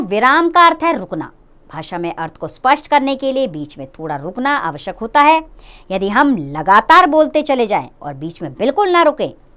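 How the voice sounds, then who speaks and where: Woman teaching kids grammar, hindi accent, friendly and explainy, pitch jumps around a lot. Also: a bit bright. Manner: friendly, explanatory, addresses children directly. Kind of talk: children's grammar lesson.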